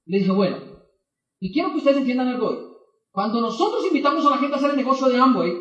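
A man with a very high voice tells a story to an audience and acts out every exchange in lively back-and-forth. He sounds set back from the mic, in a roomy, echoing space. The sound is a little dull. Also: fast, recorded from a distance. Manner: animated, acts out both sides of dialogues. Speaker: motivational speaker.

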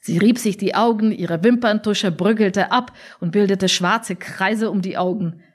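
A woman reading a story aloud with expressive, dryly humorous narration. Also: medium pitch, a little slow. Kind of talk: scripted audiobook narration.

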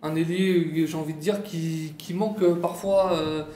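A man's voice: fairly high pitch, fairly even intonation, normal speed, mellow, echoey room, slight background noise. A man giving his football opinions on a panel, hesitant and full of fillers and restarts. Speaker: football pundit. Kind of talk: casual panel chat.

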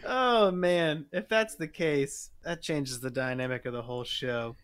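A man's voice: on the high side, measured pace, a bit bright, clean tone. A young man co-hosting a casual chat, laughing a lot and rambling with lots of filler words. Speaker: co-host.

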